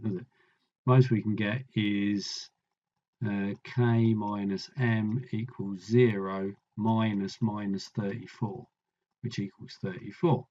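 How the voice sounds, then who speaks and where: A man's voice: on the low side, darkish tone, highs cut off. A man tutoring, thinking aloud as he works through a maths problem, musing and trailing off mid-sentence.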